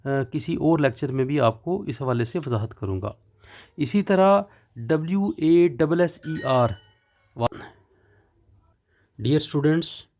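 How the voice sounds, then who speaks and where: Slow, mellow male language teacher. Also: a little high. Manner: spells out words letter by letter, then pronounces them. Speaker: online German teacher. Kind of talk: slow explanatory lecture.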